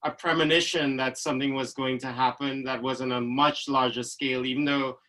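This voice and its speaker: This middle-aged male doctor from Trinidad and Tobago, an infectious disease specialist on as a guest, has a bright tone and medium pitch with a level delivery that runs a little fast. His talk is easygoing and full of anecdotes, chatty storytelling filled with "like" and "you know."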